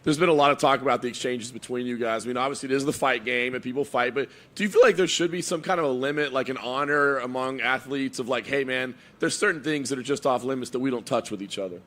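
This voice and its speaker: Fast-talking male sports reporter. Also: mid-range voice, fairly bright tone. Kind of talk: press conference questioning.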